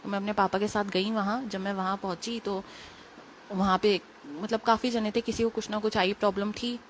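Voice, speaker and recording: A young woman, a little unwell, telling a personal story in quick, rambling, casual talk full of fillers. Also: mid-range voice, level tone, slight background noise. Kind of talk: casual spoken testimony.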